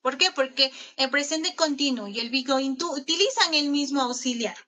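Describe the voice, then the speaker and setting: A woman's voice: high-pitched, normal speed, pushed and bright. A woman English teacher giving a recorded online class in Spanish, patient, often asking her pupils questions. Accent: Peruvian Spanish.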